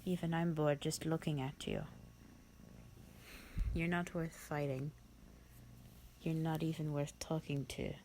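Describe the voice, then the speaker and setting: Played by a woman, a haughty vampire thousands of years old speaks in a low, breathy half-whisper with a dark tone. She drawls very slowly, bored, condescending and disdainful, in the style of theatrical roleplay audio. Faint noise sits under the recording.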